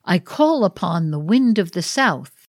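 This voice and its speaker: A woman voicing the Green Man of Spring, a solemn heroic champion, declaiming slowly in a read-aloud ritual play. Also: lowish voice, very animated, no room sound, clean studio sound.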